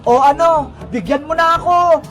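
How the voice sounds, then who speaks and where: A cheeky, bossy little boy who mocks and threatens to tell on his friends, as a woman puts him on. The voice is pitched high, and loud music plays behind it. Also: moderate pace, close to an everyday voice. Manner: teasing, bossy. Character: mischievous tattletale young boy. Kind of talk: comic skit acting.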